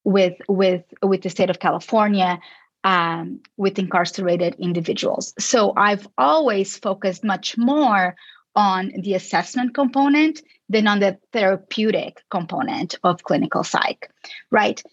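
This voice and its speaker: A woman from Portugal, a psychologist, is a guest in a casual interview. She speaks a little slowly in a medium-pitched voice, answering thoughtfully and often restarting her sentences. The audio is dull, with no room sound.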